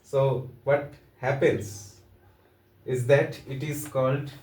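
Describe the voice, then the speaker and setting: A man's voice: mid-range voice, fairly even intonation, slow, darkish tone. A man with an Indian accent giving a casual, joking lesson in loose, hesitant phrasing. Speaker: teacher. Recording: roomy echo, voice from a distance.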